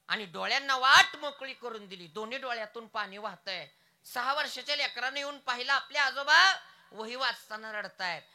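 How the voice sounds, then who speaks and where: A man's voice: sits high, sharp tone. A young man preaching a devotional kirtan sermon, telling a story with surging, dramatic stresses. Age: young adult.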